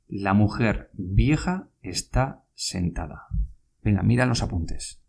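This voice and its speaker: A man teaching Basque vocabulary in a podcast lesson, speaking slowly and patiently and repeating each word. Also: sits low, vocal fry, a little mellow.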